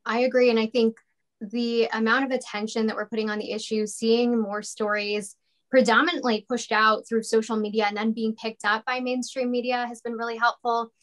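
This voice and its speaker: Slightly high-voiced woman moderating a panel. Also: flat delivery, moderate pace. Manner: conversational, asks follow-up questions. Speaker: discussion moderator.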